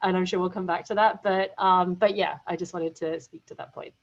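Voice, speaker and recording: A woman's voice: on the low side, steady tone, fairly quick, a little hiss or hum. A woman, a game studio founder, speaking energetically on a panel discussion and laughing now and then as she explains. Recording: muffled lo-fi audio.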